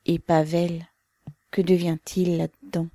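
A woman voicing a loving, anxious older mother who speaks softly and with sighs. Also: on the low side, level tone, slow. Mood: tender.

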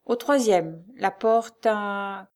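A woman's voice: fairly high pitch, very animated, a little slow, darkish tone, voice pushed up. A woman voicing a chatty, scatterbrained concierge's wife in a storybook.

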